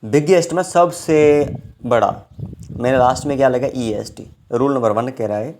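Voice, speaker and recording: A man teaching English grammar in a recorded online lecture, explaining step by step and often checking in with his students. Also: medium pitch. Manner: explains slowly, with frequent check-ins.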